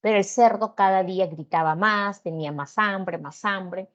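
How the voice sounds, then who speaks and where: A literature teacher with a Peruvian Spanish accent retells a story to her class conversationally, frequently tossing in tag questions to check on her listeners. Her voice is medium-pitched at a moderate pace, captured in a dull lo-fi class recording.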